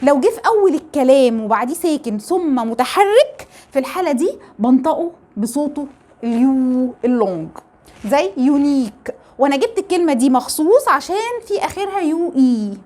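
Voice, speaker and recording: A woman's voice: sits high, lively intonation, fairly quick, darkish tone. A woman with an Egyptian Arabic accent teaching English pronunciation, explaining step by step and asking rhetorical questions. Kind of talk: phonetics lesson.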